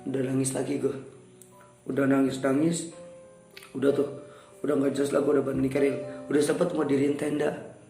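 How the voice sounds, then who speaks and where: A young man telling a story in a casual interview, animated, raising his voice for quoted dialogue. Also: mid-range voice, a little fast, long pauses. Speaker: guest storyteller. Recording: echoey room with soft music.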